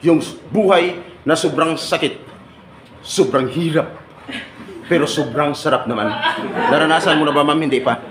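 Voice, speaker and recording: With a slightly high voice at normal speed, a man leaves long pauses while presenting a live seminar. He banters with the trainees and often asks them to agree, and the training room recording is echoey with background noise.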